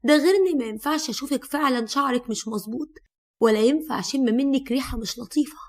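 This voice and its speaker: A woman's voice: high voice, quick pace. A woman with an Egyptian accent voicing a stubborn, defensive young husband who talks in an insistent, dismissive way.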